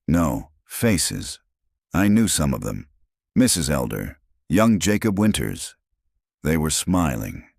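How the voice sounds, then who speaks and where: A man's voice: a bass voice, sing-song, slow pace, creaky, darkish tone, husky, dry recording, clean studio sound, exaggerated voice. A man voicing a frightened male deputy who mutters in a cracking voice. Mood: fearful. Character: shaken male deputy, fearful and haunted.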